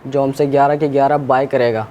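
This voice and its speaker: A man's voice: medium pitch, flat delivery, brisk, dark tone, highs cut off. A man with a Pakistani accent working as a shop seller, listing stock and prices in a repetitive, unscripted sales presentation. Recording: clear background noise.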